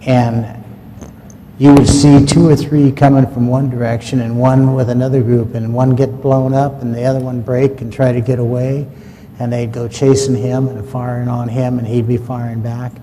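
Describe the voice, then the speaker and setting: A man's voice: medium pitch, flat delivery, normal speed, warm tone. A man recounting a personal story in a folksy, plain-spoken way, acting out what his dad said. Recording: long hall reverb, faint ambient noise.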